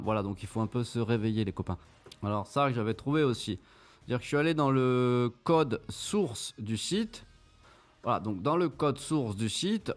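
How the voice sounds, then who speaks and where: Sarcastic French-speaking man mocking on screen. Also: medium pitch. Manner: mocking, sarcastic, swears casually. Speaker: channel host reviewing an investment scheme. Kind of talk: screen-share commentary.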